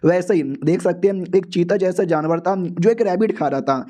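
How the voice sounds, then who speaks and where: A man recapping a manga chapter in casual, slangy storytelling and cracking jokes as he goes. His voice is fairly high and warm, with a mellow tone. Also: normal speed. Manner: slangy, joking.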